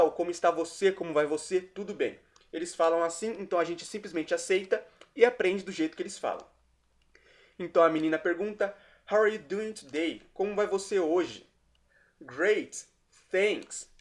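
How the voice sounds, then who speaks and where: A man with a high voice gives an online language lesson. He explains patiently and repeats each phrase slowly, word by word. Keys clack faintly behind him. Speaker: English teacher.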